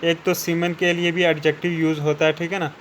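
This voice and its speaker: Flat-voiced man teaching vocabulary. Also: a little high, a little hiss or hum, poor audio. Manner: repeats "ठीक है ना" after each point, slows down for English definitions. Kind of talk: explaining word meanings in Hindi.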